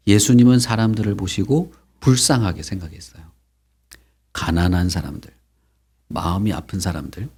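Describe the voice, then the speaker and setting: A middle-aged man preaching to children at Sunday school, telling the story with lively questions and acted-out lines. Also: medium pitch, slightly rough. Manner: animated, acts out quotes, asks children questions. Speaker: pastor teaching Sunday school.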